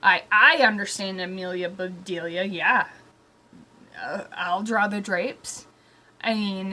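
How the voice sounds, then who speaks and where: A young adult woman hosts a comedic story-time show, delivering casual, rambling commentary with mock exasperation and leaning hard on certain words. Her voice is medium-pitched, pushed, and bright.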